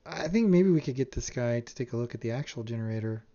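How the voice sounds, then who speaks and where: A man's voice: medium pitch, lively intonation, fast, mellow. A man playing a tabletop game, talking in a thoughtful, hedging way. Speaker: player. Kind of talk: casual tabletop play. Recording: dull lo-fi sound.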